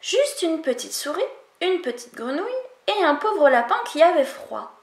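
Petits animaux aigus et inquiets, lus par une femme. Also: female voice, sits high, lively intonation, normal speed, roomy sound, pitched above the performer's own voice. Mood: timid, protective. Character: small shivering animals huddled in a mitten.

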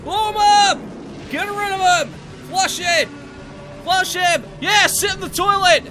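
A man voicing a brash young male cartoon hedgehog in a character reaction video, excitable and jumpy, cheering and yelping at the screen. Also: very high voice, a little slow, faint music behind, some chatter behind, heavily acted.

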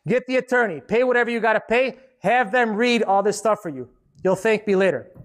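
A man with a notably high voice speaks at a business seminar, direct and emphatic. He is a middle-aged restaurant owner sharing hard lessons in a casual, conversational way. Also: brisk. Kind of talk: live seminar talk. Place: conference hall.

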